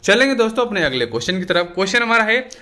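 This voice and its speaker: Male exam tutor, high bright voice, Hindi accent, conversational question-and-answer delivery. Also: big pitch swings, rapid-fire. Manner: conversational, repeatedly asks and answers own questions. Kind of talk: exam revision lesson.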